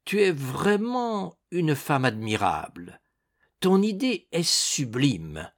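A man reading an audiobook, voicing a bold, power-hungry young prince who talks in a boastful, excitable way. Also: medium pitch, slow pace, voice pushed up. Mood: scheming.

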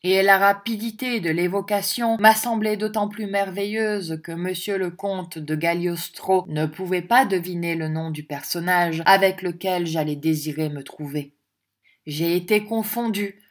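A woman voicing a pale, eloquent provincial lawyer who recounts a strange supper in a grave, measured tone, read as part of an audiobook. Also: on the low side, fairly even intonation, lightly acted.

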